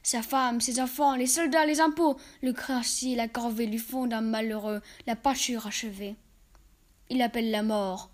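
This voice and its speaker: A woman with a high voice recites verse fables aloud. Her reading is measured and expressive, shaping each line with care. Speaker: reader.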